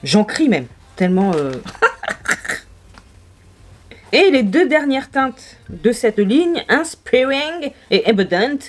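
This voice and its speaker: A woman's voice: a little high, big pitch swings, measured pace, slight background noise. A young woman vlogging makeup swatches, gushing and exclaiming over each shade in casual chat. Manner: gushing, exclamatory, marvelling aloud. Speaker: beauty vlogger.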